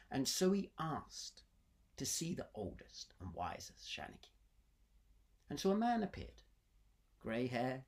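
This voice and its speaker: A storyteller of Irish legend with a medium-pitched, highly animated voice. The delivery is rhythmic and theatrical, built on repetition, with dramatic pauses and weighted emphasis.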